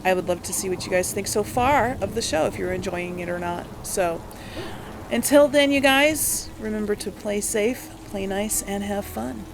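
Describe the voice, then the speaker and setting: Against a noisy background, a gaming video host with a creaky, medium-pitched voice speaks at normal speed. She runs a casual let's play, chatting with viewers, talking to herself while playing, and exclaiming now and then.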